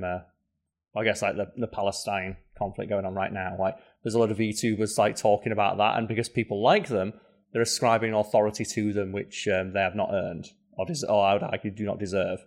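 A man co-hosting a podcast in casual chat, animated and swearing, his voice jumping up when he mimics people. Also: fairly quick. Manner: animated, swearing, pitch jumping up in mock quotes. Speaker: podcast co-host.

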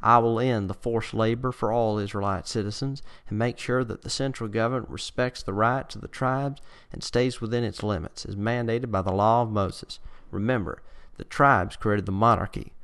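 A man's voice: lowish voice, steady tone, normal speed, a bit bright, clean tone. A man playing a confident male candidate speaking in an emphatic, persuasive campaign ad.

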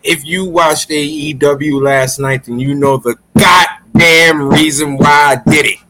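Male podcast host from Brooklyn, fairly high voice, brash casual banter, profane and teasing. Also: steady tone, measured pace, pushed and bright, rough recording. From Brooklyn, New York.

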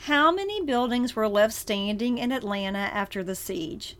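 A woman's voice: fairly high pitch, lively intonation, normal speed. A woman co-hosting a casual book-club podcast, reading favorite lines aloud and leading a trivia game, laughing often. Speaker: podcast co-host.

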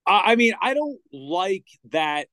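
A man's voice: high-pitched, big pitch swings, measured pace, pushed and bright, no echo. A man co-hosting a casual podcast, talking in a wry, teasing, matter-of-fact way. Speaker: podcast co-host. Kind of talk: casual chat.

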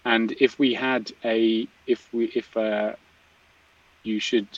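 A man's voice: mid-range voice, little pitch movement, slow pace, no room sound. A man explains things casually and thoughtfully, often restarting and rephrasing as he goes. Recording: distant mic, slightly dull, dry sound.

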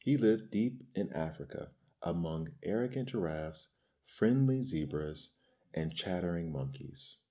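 Deep-voiced male storyteller. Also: expressive, a little slow, mellow, muffled recording. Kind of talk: storybook narration.

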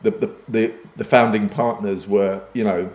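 Fairly low and darkish, his steady voice moves at normal speed through a roomy-sounding recording. He's an older man from Uganda and Kenya, a podcast guest and advertising executive being interviewed conversationally, who tends to restart sentences and downplay himself.

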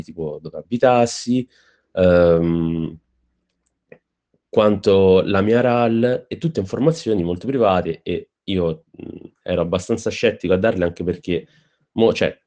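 A man's voice: low voice, dark tone. A young man from Rome casually telling an anecdote, laid-back, swearing now and then and trailing off with fillers. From Rome, Italy.

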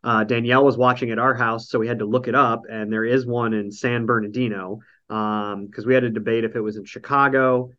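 A man's voice: medium pitch, flat delivery, a little fast, hardly any pauses, pushed and bright, dull audio. A man with a nasal voice, hosting a casual podcast chat over an online call, rambling through a recap with lots of ums and dry jokes. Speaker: podcast host recapping a reality show.

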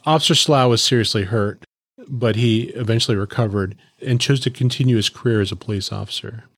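A middle-aged man, a former police officer, telling a case story in a reflective, steady way on a podcast. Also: on the low side, brisk, husky, no echo, studio quality. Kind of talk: podcast commentary.

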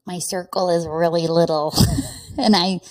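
A woman's voice: fairly low pitch, steady tone, measured pace, a little mellow, dry recording. A middle-aged woman hosting a solo podcast, talking earnestly to her listeners and laughing between thoughts. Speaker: podcast host.

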